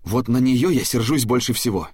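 A stern middle-aged father barks orders at his sons in a storybook reading, played by a man. The voice is raised, husky and dry, and sounds hard and tense. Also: mid-range voice, normal speed, darkish tone, no echo, lightly acted. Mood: grumbling. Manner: commanding, barking.

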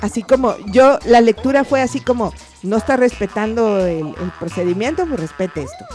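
A woman, her voice sitting a little high, tells an anecdote in a relaxed, chatty way. She slips into the voices of the people she quotes, jumping up and down in pitch to act them out. Faint music plays behind her. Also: moderate pace. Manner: animated, acts out the voices of people in her story. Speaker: interview guest. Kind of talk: casual anecdote telling.

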